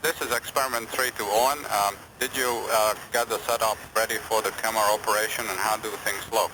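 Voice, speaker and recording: A man's voice: lowish voice, fairly even intonation, fairly quick. A man working as a ground controller, talking technically and a little hesitantly over a crackly walkie-talkie style radio link to a spacecraft. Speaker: ground-based experiment controller.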